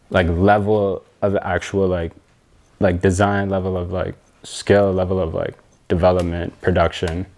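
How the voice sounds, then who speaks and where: A man's voice: sits low, a little mellow. A young Canadian man, a designer, chatting casually in an interview, loose and slangy with lots of fillers and swearing. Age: young adult.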